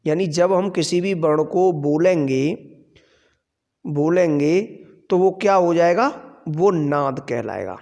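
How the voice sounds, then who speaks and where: A man with a high voice gives a grammar lesson at an unhurried pace. He poses questions to the class and answers them himself. A long reverb trails behind his voice, as in a large hall. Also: a little mellow, lo-fi sound. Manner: explains slowly, asks and answers his own questions. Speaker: Sanskrit grammar teacher. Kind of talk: classroom lecture.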